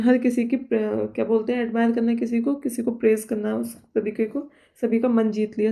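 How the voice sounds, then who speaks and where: A female vocabulary teacher gives an exam-prep lesson in a mellow, monotone, somewhat high and creaky voice, correcting herself as she goes. She explains words by listing synonyms, checks understanding with "theek hai," and reads English example sentences slowly and deliberately.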